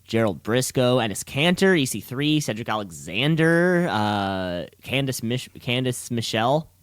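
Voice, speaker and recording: A man's voice: mid-range voice, big pitch swings, a little slow, dry recording, clean studio sound. A man co-hosting a podcast, chatting casually and rambling, repeating himself and laughing easily. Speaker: podcast co-host. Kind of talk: casual chat about wrestling.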